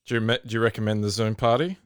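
A man hosting a podcast in casual banter, with dry, deadpan jokes. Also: on the low side, very fast, smooth, dry recording. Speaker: podcast host.

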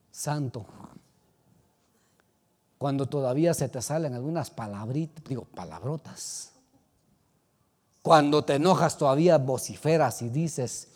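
A man preaching a sermon as pastor, swinging from loud exclamations to quiet asides. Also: a little high, in a large hall.

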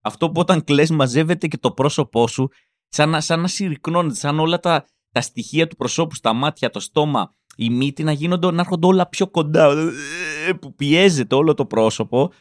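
A man's voice: a little high, no echo, clean studio sound. A man in his thirties, a comedian hosting his podcast, telling rambling, self-mocking stories in a comic monologue. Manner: animated, rambling, self-mocking, acts out quotes.

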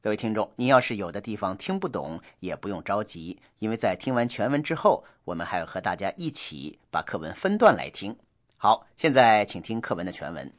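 A man hosting a scripted radio English lesson, explaining in a measured, steady way. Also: lowish voice. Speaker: language lesson host.

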